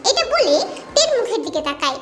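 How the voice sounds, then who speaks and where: High-voiced woman narrating a romance. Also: a little fast. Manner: expressive, dramatic reading. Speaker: storyteller. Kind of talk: scripted romantic story narration. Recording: background music under the voice.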